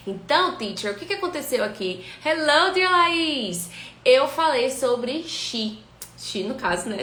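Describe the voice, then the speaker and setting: A woman teaching an English lesson on a live stream. She greets viewers by name and speaks her English example sentences slowly and clearly. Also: on the high side, fairly bright tone, reverberant, a little hiss or hum.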